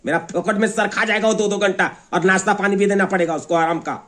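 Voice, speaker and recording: A man with a Bundeli accent playing a hot-tempered village father who shouts and scolds his son in a comedy sketch. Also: sits high, fairly even intonation, fast. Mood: scolding.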